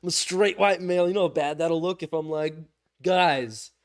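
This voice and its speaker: An animated young man co-hosting a casual podcast, telling stories and mimicking the people in them. He laughs often and swings his pitch up high for the quoted lines. The recording is dry and close. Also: normal speed, no echo. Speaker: podcast co-host. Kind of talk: casual chat.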